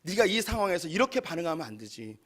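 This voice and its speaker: A male pastor acting out a patient, fatherly God who speaks softly and with understanding. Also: high voice, very animated, fast, exaggerated voice. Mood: gentle reassurance. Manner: soft, soothing, understanding.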